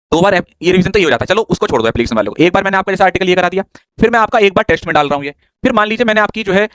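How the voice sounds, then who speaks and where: A man's voice: high voice, fairly bright tone, no room sound. A man teaching an online exam-prep grammar class in a chatty way, joking with and scolding his students, speaking English.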